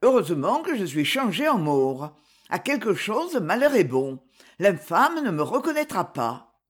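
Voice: medium pitch, very animated, measured pace, slightly rough. A reader voicing a hapless, indignant male squire in an audiobook, protesting and wailing. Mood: relieved. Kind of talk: audiobook character voice.

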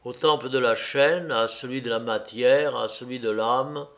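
Slow, measured male storyteller. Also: mid-range voice, fairly bright tone. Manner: measured, deliberate reading. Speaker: narrator. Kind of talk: scripted storybook narration.

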